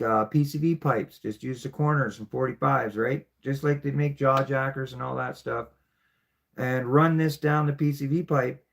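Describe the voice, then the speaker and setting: A middle-aged man talks through his fishing gear in a loose, rambling way. His voice has a gravelly, creaky edge, and he keeps checking in with "right?" as he goes. His pitch sits in an ordinary middle range. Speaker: fishing channel host. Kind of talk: casual show-and-tell explanation.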